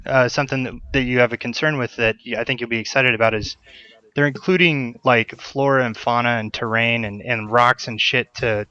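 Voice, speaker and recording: A man's voice: mid-range voice, sharp tone, clean tone. A man hosting a podcast in casual chat over a call, enthusiastic and rambling, swearing freely. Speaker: podcast host. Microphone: desk mic on a call.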